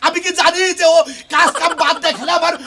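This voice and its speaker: A flustered village father, played by a man, lamenting and blustering in a very high, gravelly voice. Background noise runs under the comic-sketch recording. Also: flat delivery, fast.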